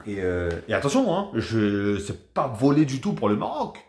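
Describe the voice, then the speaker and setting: A man from France giving a casual, rambling football match debrief to his viewers, chatty and animated. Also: medium pitch, normal speed, echoey room. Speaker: football vlogger.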